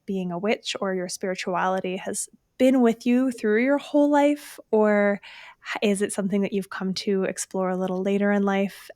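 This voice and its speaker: A woman hosting a spiritual podcast, speaking in a soft, earnest, measured way. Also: medium pitch. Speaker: podcast host. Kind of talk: spiritual podcast narration and interview.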